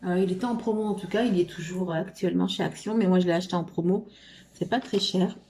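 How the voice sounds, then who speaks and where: Woman vlogger, casual haul chat, hesitant with lots of fillers, mellow tone, roomy echo. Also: on the low side, fast, a little hiss or hum. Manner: hesitant, full of fillers and restarts. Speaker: vlogger showing shopping haul. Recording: roomy echo, faint room ambience.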